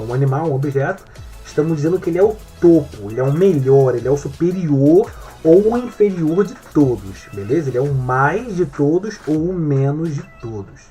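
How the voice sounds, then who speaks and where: A man's voice: on the high side, mellow. A male English teacher giving an online grammar lesson in Portuguese, explaining step by step and often checking that the viewer is following.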